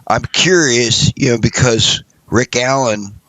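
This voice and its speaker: A man's voice: mid-range voice, slow, a bit bright, no echo. A man co-hosting a casual podcast, talking in long rambling sentences full of hedges. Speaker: podcast co-host.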